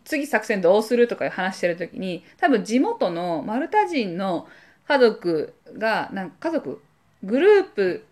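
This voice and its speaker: A woman speaking, co-hosting a podcast and telling a story in casual chat, acting out voices and sound effects as she goes. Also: on the high side. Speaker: podcast co-host.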